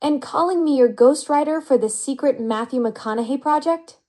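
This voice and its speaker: A synthetic woman's voice of an AI chat assistant, upbeat and flattering with smooth, even delivery. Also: high-pitched, moderate pace. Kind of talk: conversational AI reply.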